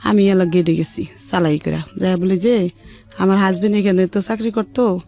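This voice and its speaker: This is a middle-aged woman, a guest on a radio program, sharing her life story frankly. Her voice is gravelly and medium in pitch, her pace moderate, her Dhaka Bengali accent colloquial. She animates the tale by voicing what others said, all in an unpolished, earthy manner, with music underneath.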